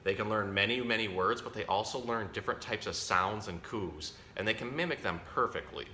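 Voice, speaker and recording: In a roomy, slightly noisy space, a man with a lowish, pushed, bright voice talks briskly to children as a zookeeper. His animal storytime is relaxed and conversational, with simple explanations and frequent self-corrections.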